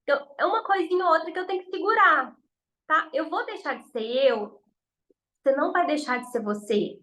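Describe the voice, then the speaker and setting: A woman's voice: sits high, lively intonation, a little fast, fairly bright tone, low-quality recording. A woman from Minas Gerais with a mineiro Brazilian accent, giving chatty, reassuring exam advice and acting out what people say. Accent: Mineiro Brazilian Portuguese. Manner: chatty, reassuring, acts out quoted remarks. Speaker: exam prep teacher. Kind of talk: informal teaching talk to camera.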